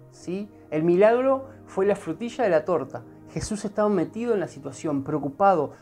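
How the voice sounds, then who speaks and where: An earnest woman with an Argentine accent preaches a devotional message in a low, warm voice. She repeats key phrases and keeps checking in with her listeners, while faint music plays softly behind her. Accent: Argentine Spanish. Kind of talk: devotional sermon.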